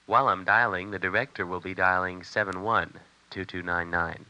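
A man's voice: sits low, fairly even intonation, moderate pace, background noise. A man on an old 1970s tape recording, methodically narrating a telephone call demonstration and reading out the digits step by step.

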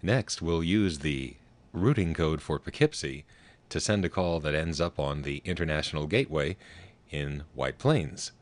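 A man with a strikingly deep, low-pitched voice narrates in an explanatory style. His delivery is technical and precise, setting out details step by step. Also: a little slow. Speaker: narrator of telephone history recordings.

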